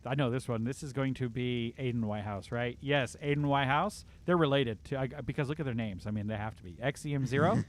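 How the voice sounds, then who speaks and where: A man's voice: mid-range voice, a little fast, few pauses, a little hiss or hum. Chatty upbeat man hosting a game stream. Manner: chatty, upbeat, reads viewer comments aloud. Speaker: livestream host. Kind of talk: casual live-stream chat. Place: home.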